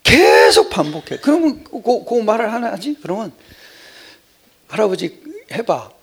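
An older man preaching a sermon in a conversational, rambling way, jumping from loud exclamations to hushed whispered asides. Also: sits high, sing-song, normal speed, slightly rough.

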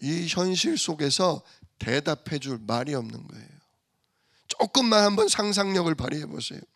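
A male pastor in full sermon flow, his voice sitting a touch higher than most men's. He preaches with fervor and acts out the voices of mockers and grieving church members. His delivery climbs high and then drops low. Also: fairly bright tone. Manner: impassioned preaching, acting out mockers and church members, rising and dropping sharply.

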